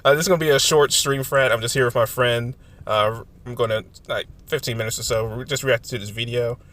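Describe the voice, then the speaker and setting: A man's voice: mid-range voice, fairly even intonation, a little fast, fairly bright tone, slight background noise. A man hosting a livestream in a casual, teasing, laugh-prone chat style. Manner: teasing banter with frequent laughter. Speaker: livestream host. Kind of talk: casual reaction stream chat.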